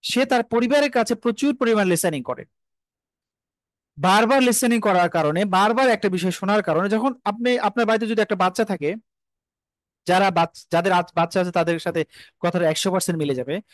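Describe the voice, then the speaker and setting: A man's voice: sits high, no room sound. A man from Bangladesh teaching English in an online class over a video call, asking the class many rhetorical questions and mixing English phrases into his talk. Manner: mixes English phrases into Bengali.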